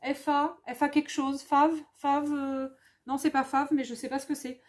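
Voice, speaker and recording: A woman chatting casually at home as she shows scrapbooking products. She thinks aloud, repeats her words and reads English labels slowly. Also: high voice, little pitch movement. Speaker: scrapbooking vlogger. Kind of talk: casual haul chat, showing products.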